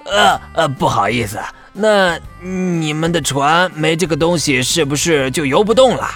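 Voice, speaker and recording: A man's voice: on the high side, expressive, moderate pace, fairly bright tone, faint music behind. A man voicing a big, blunt, grumbling but good-hearted shark in a children's audio story. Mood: sheepish, obliging.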